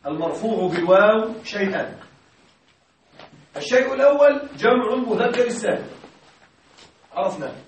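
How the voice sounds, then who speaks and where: A man's voice: sits high, animated, normal speed, long pauses, slight background noise. A man teaching grammar in a classroom, often stopping to quiz his students with short check questions. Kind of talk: classroom lecture. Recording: very echoey room, mic far off.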